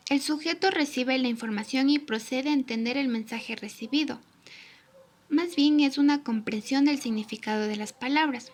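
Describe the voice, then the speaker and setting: A young woman student reading a language tutorial aloud from a script, steadily spelling out examples. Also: high voice. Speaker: student presenter. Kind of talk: read-aloud tutorial narration.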